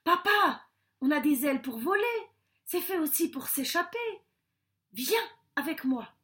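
Woman reading as a young male bird: high, loud, keen, bold. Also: animated, normal speed. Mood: eager.

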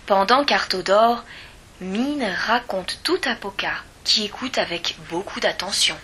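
Slow, bright-voiced woman storyteller. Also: mid-range voice, slightly rough. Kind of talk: children's story reading.

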